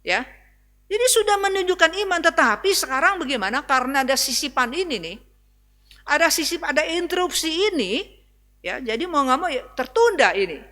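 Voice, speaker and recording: A woman's voice: high voice, big pitch swings, a little fast, pushed and bright. A woman pastor preaching a sermon in a conversational way, often turning to address the congregation directly. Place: church hall. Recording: reverberant church hall.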